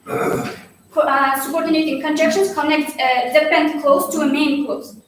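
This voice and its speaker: A woman's voice: high voice, steady tone, moderate pace, a little hiss or hum. A woman student presenting her research, hesitant and searching for words. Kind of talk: academic presentation. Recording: echoey hall, far from mic.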